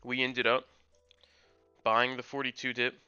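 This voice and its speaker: A young crypto streamer at home gives upbeat chart talk to his chat while his sore throat makes him lose his voice. His medium-pitched delivery is monotone and unhurried, pushed and bright, clear and resonant. The recording sounds dull and lo-fi, with faint background music.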